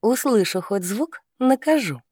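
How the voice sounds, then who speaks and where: A man voicing a playful, teasing young woman in an audiobook, in a soft murmuring manner. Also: high-pitched, very animated, unhurried, slightly rough, no echo, clean studio sound, voice pushed up, exaggerated voice. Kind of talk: audiobook character voice.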